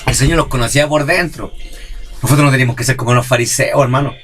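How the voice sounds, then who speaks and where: A man's voice: medium pitch, steady tone, quick pace, fairly bright tone, faint music behind. A man preaching a sermon, who keeps asking his congregation "¿cierto?" and acts out church members. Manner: impassioned, rhetorical "¿cierto?" questions, mimics church members.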